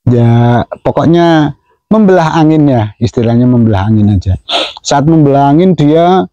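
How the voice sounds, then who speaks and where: A man's voice: a little high, animated, normal speed, dark tone, no echo, lo-fi sound. A man casually explaining pigeon racing, mimicking the whoosh of wings and chuckling now and then. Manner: imitates whooshing wing sounds, chuckles often. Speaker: pigeon keeper explaining to viewers.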